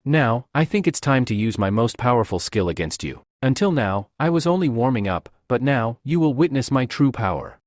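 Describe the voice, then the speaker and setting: A man's voice: medium pitch, expressive, normal speed, hardly any pauses, a little mellow, no room sound, clean studio sound, natural voice. A man voicing a young male martial hero who makes determined, boastful declarations. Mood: defiant.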